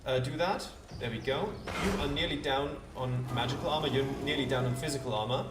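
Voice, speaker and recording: A man's voice: medium pitch, a little fast, very noisy. A man hosting a let's play with casual commentary, thinking aloud and talking to the game's characters. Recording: roomy distant voice under loud game music.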